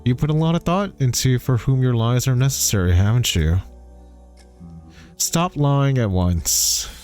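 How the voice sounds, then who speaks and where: A man's voice: medium pitch, darkish tone, faint music behind, natural voice. A man voicing a solemn, grieving ghost father. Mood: solemn, probing. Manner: slow, solemn, probing questions.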